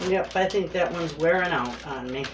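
Her voice sits low and moves at an ordinary speed. This homesteading vlogger gives a relaxed kitchen demonstration, addressing viewers directly and chatting homily as she preps. Echo and clear background noise fill the home kitchen recording.

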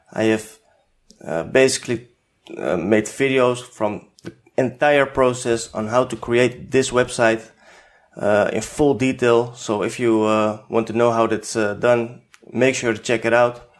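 A Dutch man from the Netherlands, a native Dutch speaker with a Dutch accent, hosts an unscripted software tutorial. His mid-range voice is hesitant and full of fillers.

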